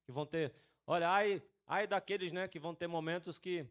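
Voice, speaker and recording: A middle-aged man preaching a sermon to a congregation, asking them questions and building to loud, urgent passages. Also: sits high, fairly quick. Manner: asks the congregation questions, adds "né?". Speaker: pastor.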